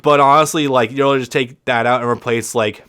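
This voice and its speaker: A man's voice: mid-range voice, fairly even intonation, fairly quick, fairly bright tone, clear, resonant tone. A man with a lisp giving casual, rambling gameplay commentary as a let's play host, swearing freely and restarting his sentences often. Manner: rambling, profane, frequent restarts.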